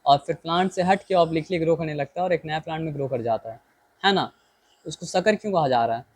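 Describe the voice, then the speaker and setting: Male teacher, slightly high voice, very dry close sound, asks questions to the class as he explains. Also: no room sound, poor audio. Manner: explains in Hindi mixed with English, reads English lines slowly; keeps asking rhetorical questions. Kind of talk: bilingual biology lesson.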